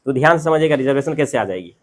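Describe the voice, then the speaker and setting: A man teaching a class, reading English passages slowly and explaining them in Hindi with everyday examples, with an Indian English accent. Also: medium pitch, lively intonation.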